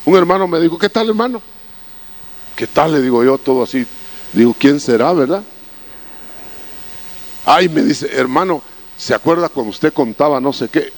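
A man's voice: a little high, moderate pace, long pauses. Man preaching, folksy story-telling sermon, keeps saying brother to the crowd. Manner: folksy anecdotal preaching, calls listeners brother.

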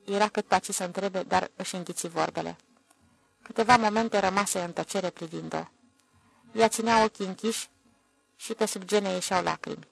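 Audiobook narrator, literary prose; gravelly, mid-pitched, measured. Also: no echo, low-quality recording.

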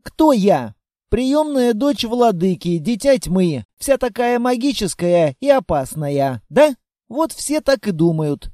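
A man's voice: high-pitched, big pitch swings, mellow, no echo, clean studio sound, heavily acted. A man reading aloud, voicing a sad, sarcastic little girl who never grows up. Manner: quick, sulky and sarcastic. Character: sad, sharp-tongued immortal little blonde girl.

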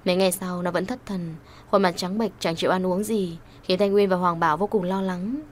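A woman reading a melodramatic story aloud as an audiobook narrator, with steady, even delivery. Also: lowish voice, a little fast, a little hiss or hum.

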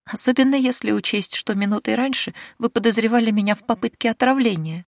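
A woman voicing a cheeky, sharp-tongued young maidservant in an audiobook, with a mocking, teasing manner. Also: fairly high pitch, quick pace, no room sound, pitched above the performer's own voice, natural voice.

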